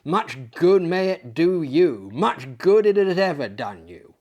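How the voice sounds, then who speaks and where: A man's voice: fairly high pitch, very animated, slow pace, a little mellow, lo-fi sound, pitched above the performer's own voice, heavily acted. A man reading a classic ghost story aloud, voicing a bitter, miserly old man who snaps out indignant retorts. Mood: stern. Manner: snapping, indignant outbursts.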